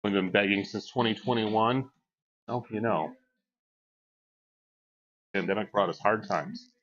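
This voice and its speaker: A man's voice: fairly low pitch, a little slow, fairly bright tone. A man in his forties chatting casually on a live stream, joking and reading chat aloud. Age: 40s. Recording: dull lo-fi mic.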